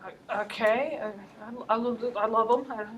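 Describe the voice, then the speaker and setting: A woman's voice: fairly high pitch, steady tone, unhurried, a bit bright, slight background noise, pitched below the performer's own voice. A woman voicing a timid male policeman who stammers nervously, heard from a distant mic. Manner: stammering, hesitant.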